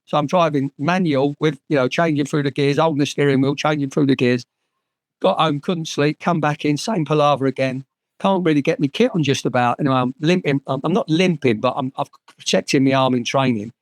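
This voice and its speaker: A man's voice: on the high side, a little fast, no echo. An English man in his sixties, a former footballer, telling frank, sweary anecdotes with many fillers and restarts. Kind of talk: storytelling anecdotes in conversation.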